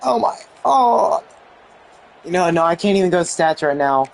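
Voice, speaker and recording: A young man giving excited commentary on a football video game he is playing, exclaiming and mildly swearing. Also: high voice, normal speed, gravelly. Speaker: gaming YouTuber.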